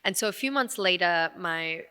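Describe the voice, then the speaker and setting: A woman's voice: on the low side, moderate pace, clean tone, long reverb tail. A woman from Afghanistan, a guest on a podcast, telling her family's story in a casual interview, with many fillers and asides. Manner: warm, animated storytelling with frequent fillers. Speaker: podcast guest, radio presenter.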